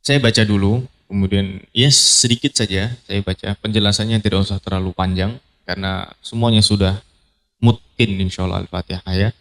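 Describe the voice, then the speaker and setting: A man teaching Quran recitation to a class, talking in a relaxed, repetitive way and often clearing his throat. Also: on the low side, normal speed, long pauses. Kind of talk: live tajwid lesson to students. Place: study hall at a training event.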